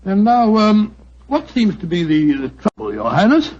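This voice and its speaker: An actor playing a genial, blustery English doctor in 1940s radio style, bumbling and stammering with a British accent. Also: male voice, high voice, sing-song, normal speed, a little mellow. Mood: kindly, fussing. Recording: muffled, noisy old 1940s radio recording.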